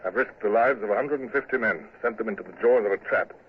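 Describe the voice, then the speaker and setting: An actor playing a commanding, self-doubting British naval commander and narrator in an old-time radio drama, speaking formally. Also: male voice, fairly low pitch, fast, lightly acted. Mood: anxious. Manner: formal, crisp orders and introspective asides. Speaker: lead actor and first-person narrator. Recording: muffled, noisy old radio recording.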